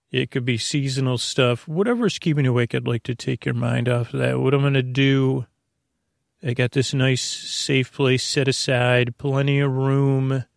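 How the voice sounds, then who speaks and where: In a rambling sleep-podcast monologue, a man with a gravelly, creaky middle-pitched voice gently lulls listeners. The close, dry recording has no echo. He hesitates, wanders, and keeps drifting into tangents.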